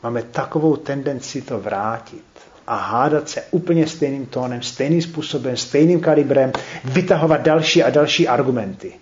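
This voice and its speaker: A man's voice: medium pitch, slight background noise. Reflective man leading a Bible study. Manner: reflective, pauses to question the group. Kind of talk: group Bible study teaching. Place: room with a small group. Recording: roomy, dull recording with faint clicks.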